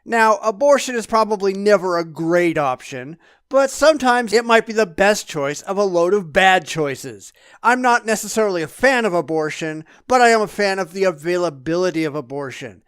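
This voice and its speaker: Male commentator, high smooth voice, blunt and profane, opinionated monologue. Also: expressive, normal speed, a bit bright, dry recording, studio quality. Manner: blunt and combative, swears freely. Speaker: political blogger.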